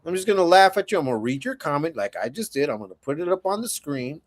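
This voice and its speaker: A man's voice: fairly high pitch, sing-song, quick pace. A man hosting a livestream, ranting bluntly and profanely while answering chat comments in a confrontational, mocking way. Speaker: livestream host.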